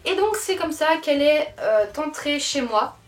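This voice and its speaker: Chatty young woman with a high voice. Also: unhurried, soft background music. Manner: chatty, lively, many fillers and self-corrections. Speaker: doll collector vlogger. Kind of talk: casual chat. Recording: echoey room.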